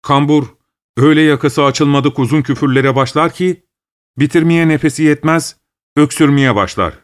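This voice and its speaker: A man narrating a short story as an audiobook in a calm, measured reading voice. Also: a little high.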